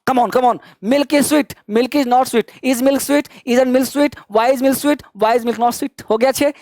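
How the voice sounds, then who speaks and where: Recorded in clean studio sound with no room sound, this energetic online grammar lesson features a very high-voiced man who encourages learners and leads call-and-response drills of example sentences in rhythmic repetition. He models each sentence slowly and deliberately, syllable by syllable.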